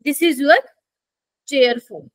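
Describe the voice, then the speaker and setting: A woman with a high voice teaches a live chemistry lesson, speaking Hindi mixed with English in an Indian accent. She talks slowly and patiently and keeps asking the class whether they follow. The sound is dry and close. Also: no room sound. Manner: patient, explains slowly and checks understanding.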